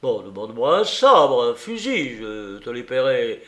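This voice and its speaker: A man's voice: mid-range voice, big pitch swings, a little slow, pushed and bright, reverberant. A man doing a blustering old army captain. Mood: indignant. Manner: indignant, swearing, scolding. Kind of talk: audiobook character reading.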